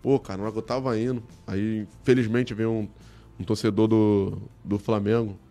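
Speaking with a Rio de Janeiro Brazilian Portuguese accent, a male interview guest who works as a celebrity look-alike and comedy performer tells anecdotes in slangy, casual chat. His voice sits lowish at a moderate pace, and his storytelling is animated.

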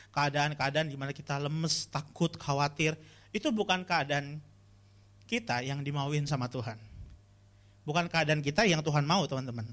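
A man's voice: a little high, a bit bright. A man giving a casual, slangy youth sermon to viewers at home, often calling out to his audience. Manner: chatty, slangy, pleading refrains to the audience. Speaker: youth preacher.

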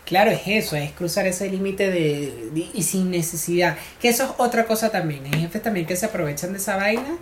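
A woman's voice: fairly low pitch, fairly quick, few pauses, background noise. A woman, chatting casually and mostly agreeing with short replies. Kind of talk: casual chat. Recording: echoey room, crowd behind.

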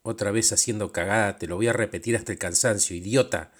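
A scornful superhero who barks insults and scolds without letup, as a man puts him on. The voice is low, and the Rioplatense accent comes through in every angry word. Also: normal speed, a bit bright. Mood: furious scorn. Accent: Rioplatense Spanish. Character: harsh demanding male superhero, scornful, bullying.

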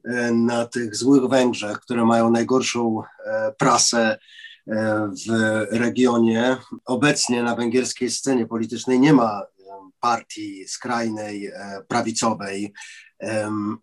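Flat-voiced man, halting analysis. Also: medium pitch. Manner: halting, many fillers and restarts. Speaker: expert guest. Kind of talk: analytical discussion.

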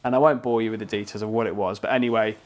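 A young English man co-hosting a podcast, telling a story in a casual, animated way and swearing freely. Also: fairly low pitch, rapid-fire. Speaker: podcast co-host.

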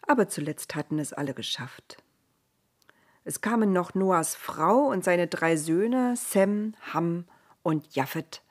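Woman narrator, slow, gentle storybook reading, whispers at moments. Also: medium pitch. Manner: gentle, drops to a whisper at times.

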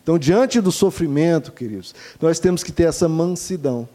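A Brazilian male pastor delivers an earnest sermon in a fairly high, warm and mellow voice. He speaks to the congregation directly, asking rhetorical questions and building his points through repeated phrases. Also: expressive, a little fast. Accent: Brazilian Portuguese.

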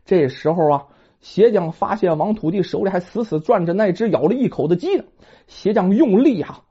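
A woman's voice: on the low side, lively intonation, moderate pace, mellow, husky. A woman telling a folk tale in a dramatic, colloquial storytelling manner, in a dull lo-fi recording.

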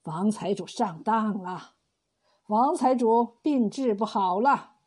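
A woman voicing a kind, wise old male village healer who speaks slowly and calmly in a storybook tale. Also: mid-range voice, slightly rough.

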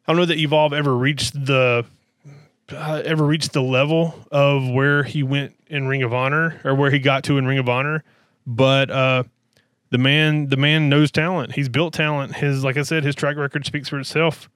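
A man's voice: mid-range voice, steady tone, moderate pace, a bit bright, clear, resonant tone, no room sound, clean studio sound. A man hosting a wrestling talk show in a casual, rambling way, worn out and out of breath. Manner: rambling, with many restarts and fillers. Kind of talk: casual chat.

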